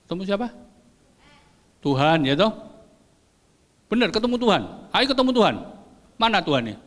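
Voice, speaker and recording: Older male pastor, bright high voice, playful preaching with long hall reverb. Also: normal speed. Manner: lively, joking with the congregation, mixing in Javanese. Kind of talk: sermon. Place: church hall.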